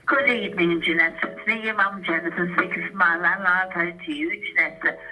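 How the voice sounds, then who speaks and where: A woman's voice: fairly low pitch, normal speed, pushed and bright, poor audio. An older woman, tired, leaving formal, repetitive voicemail messages that are played back over a landline phone, announcing herself each time.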